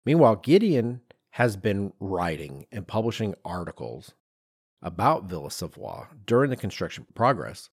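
This lowish-voiced podcast host, a bit husky, explains design history as casual storytelling, speaking at normal speed and acting out asides while his pitch roams widely. The recording is dry and close.

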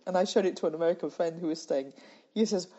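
An older British woman, a former charity president, appears as an interview guest and tells stories reflectively, laughing easily. Her lowish, mellow voice moves fast, and the audio is lo-fi and slightly muffled.

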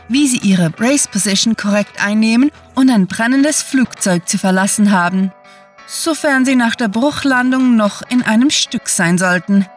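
A woman's voice: a little high, distant mic. A woman playing a flustered airline pilot. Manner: stammering, mock-calm announcements. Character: flustered airline pilot addressing passengers mid-crisis.

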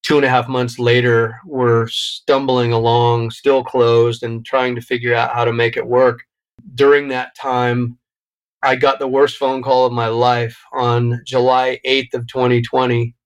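Middle-aged man, interview guest, reflective, emotional, halting restarts, mid-pitched voice. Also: monotone, clean tone, dull audio. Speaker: podcast guest. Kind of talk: interview conversation.

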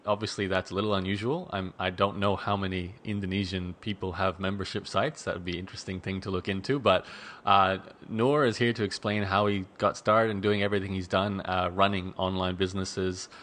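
A man's voice: low voice, little pitch movement, fairly quick, a bit bright. A man hosting a podcast interview, talking in a conversational way with frequent "uh" fillers. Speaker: podcast host.

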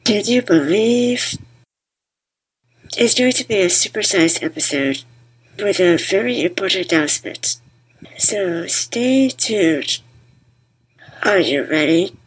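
A woman with a husky, breathy voice, hosting and interviewing on a podcast. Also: medium pitch, animated, slow, pauses often, poor audio. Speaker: podcast host.

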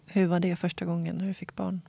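A woman interviewer asking brief, calm questions. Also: fairly low pitch, vocal fry, slightly rough, dry recording, studio quality.

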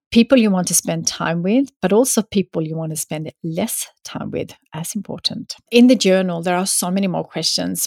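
A woman's voice: on the low side, vocal fry, darkish tone, no echo, studio quality. A woman hosting a solo advice podcast, upbeat and encouraging, speaking to the listener in a tidy, step-by-step way. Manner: encouraging, addresses listener directly. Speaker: podcast host.

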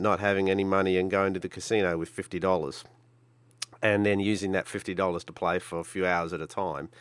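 A man's voice: deep voice, fairly bright tone, clear, resonant tone, no room sound. A middle-aged man with a Queensland Australian accent, talking casually on his own as a podcast host. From Brisbane, Australia. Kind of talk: casual solo podcast talk.

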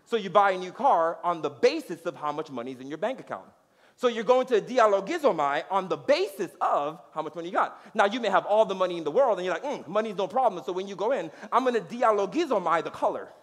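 A man preaching a sermon as pastor, energetic and conversational, laughing and checking in with his audience. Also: high-pitched, fast talker, big-room sound.

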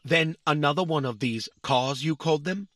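A man's voice: on the high side, moderate pace, fairly bright tone, dry recording, close to an everyday voice. A man performs a small boy robot in a family audio drama who takes everything literally. He lists exact times down to the millisecond in a slightly raised voice, recorded close and dry. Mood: earnest. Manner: pedantic, counts exact milliseconds. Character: literal-minded, precise young boy robot.

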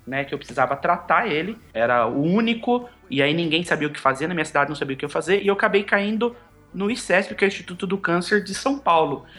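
A young man, telling his story as a guest in an animated, casual way, acting out quoted dialogue. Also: high-pitched. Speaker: podcast guest.

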